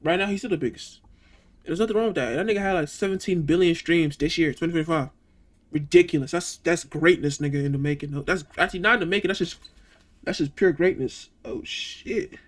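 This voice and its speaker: A young man from Georgia, his voice a little high and quick, reacts to a video with a Southern accent. He talks loosely and swears, laughing often throughout his casual commentary.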